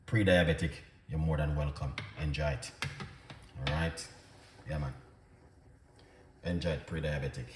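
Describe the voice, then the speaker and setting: A man's voice: extremely low pitch, steady tone, normal speed, pauses often. A man hosting a casual cooking live stream, upbeat and chatty as he talks to his viewers. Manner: upbeat, chatty, greets viewers by name and place. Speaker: cooking show host. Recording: echoey room, mic at a distance, background noise.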